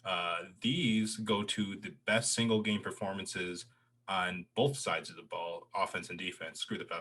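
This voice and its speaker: Deep-voiced man chatting football. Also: pushed and bright, husky. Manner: chatty, leans on "you know" fillers. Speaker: co-host. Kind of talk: casual sports podcast chat.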